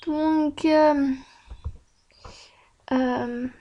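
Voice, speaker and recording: A woman's voice: sits high, steady tone, very slow, muffled recording. A woman YouTuber chatting casually over a screen recording at home, rambling with many fillers and self-mocking asides. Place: at home at her computer.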